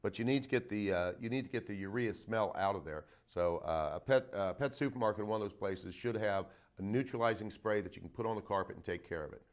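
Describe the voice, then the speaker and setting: Taking calls as a veterinarian on phone-in radio, this man gives relaxed, folksy advice, often repeating himself and checking in with "okay?" between plenty of "uh"s. His voice is on the low side, and he talks quickly with hardly any pauses.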